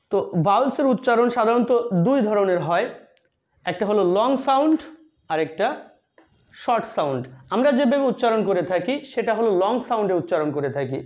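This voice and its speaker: A man who lectures in English, teaching a video lesson on vowel sounds. He explains slowly, repeating words and spelling them out letter by letter. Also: very high voice, lo-fi sound. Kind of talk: classroom-style video lesson.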